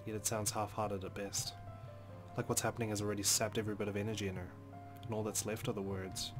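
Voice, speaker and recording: A let's play host with a lowish voice reads first-person game narration aloud, expressive and dramatic, with deliberate phrasing. Music plays in the background.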